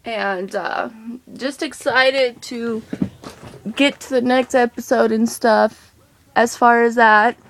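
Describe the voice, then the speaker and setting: A young woman chatting excitedly in a casual home vlog, rambling with many ums and gushing asides. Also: fairly high pitch, slow pace, noisy background. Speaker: vlogger.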